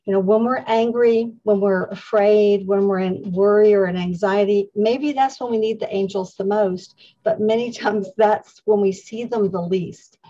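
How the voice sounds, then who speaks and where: Mellow middle-aged woman on a dull call. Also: mid-range voice, steady tone, normal speed. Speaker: guest speaker. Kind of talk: spiritual talk. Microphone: video call. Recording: dull, lo-fi video call audio.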